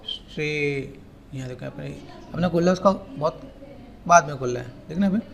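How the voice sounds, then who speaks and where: A man giving a casual, repetitive software tutorial, pointing things out step by step. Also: fairly high pitch, brisk, creaky. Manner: repetitive, keeps saying "here" and "okay". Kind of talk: casual screen-recorded tutorial.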